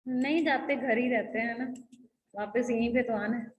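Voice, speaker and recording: A woman's voice: on the high side, steady tone, racing, dull audio, a little hiss or hum. A woman with a North Indian accent teaching a school lesson, mixing English and Hindi, repeating key points and checking that students follow. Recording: echoey, reverberant room sound.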